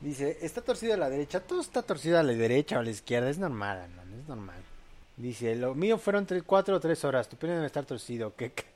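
A man's voice: fairly high pitch, sing-song, quick pace, hardly any pauses, a little mellow. A young man hosting a casual late-night live show, reading audience posts aloud in a crude, joking way and laughing often.

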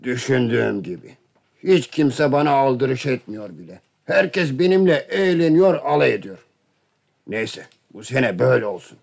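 A weary gravelly old landlord. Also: male voice, mid-range voice, very animated, moderate pace, a little mellow. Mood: weary, lonely. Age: older. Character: older wealthy male host, lonely and mocked. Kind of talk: radio play acting.

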